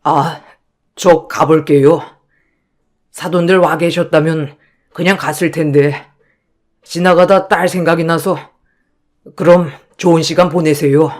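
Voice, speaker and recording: A humble older father, voiced by a woman in a radio drama, soft-spoken and apologetic as he tries to calm everyone down. He speaks slowly and in a lower register than the other figures. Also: lightly acted. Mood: placating.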